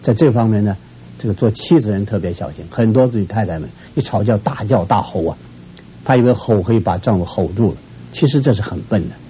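A man from Shenyang, a family counselor giving earnest, admonishing advice to viewers. His pitch jumps up sharply whenever he stresses a point. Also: brisk, mellow, dull audio, slight background noise. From Shenyang, northeast China. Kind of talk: advice talk to a viewing audience.

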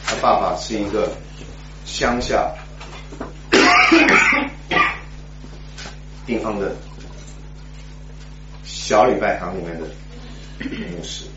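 A man preaching a sermon as a story, swinging dramatically between hushed and loud, heard in an echoey, distant, dull recording. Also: on the low side, slow pace, long pauses, noisy background.

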